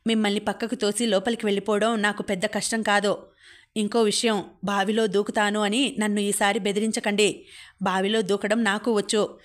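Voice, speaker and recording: A woman's voice: medium pitch, little pitch movement, normal speed, natural voice. Woman reading as an angry young husband. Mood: indignant. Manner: stern, shouting at his father. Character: young husband, angry defender of his wife.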